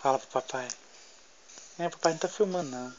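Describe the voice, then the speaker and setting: A man's voice: fairly high pitch, brisk, a little hiss or hum. A man coaxing his baby to talk, repeating words in a sing-song, teasing way at home. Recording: dull lo-fi home video.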